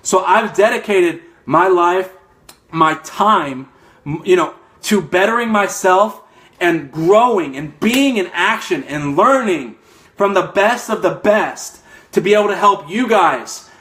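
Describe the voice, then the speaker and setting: A man's voice: high-pitched, expressive, unhurried, fairly bright tone. A young man giving a fired-up motivational talk as a network marketing coach, emphatic and a little out of breath, often tagging lines with "okay?". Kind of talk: motivational live stream talk.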